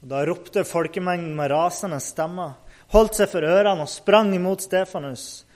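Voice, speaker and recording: A man with a somewhat high voice retells a Bible story in a relaxed, unscripted way. He pauses with fillers and restarts as he goes. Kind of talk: casual Bible story narration.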